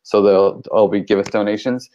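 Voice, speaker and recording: Man, low voice, casual meeting talk, rambling with fillers, dull call audio. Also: fairly even intonation, moderate pace, mellow. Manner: loose, rambling, many fillers. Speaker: team member reporting on campaigns.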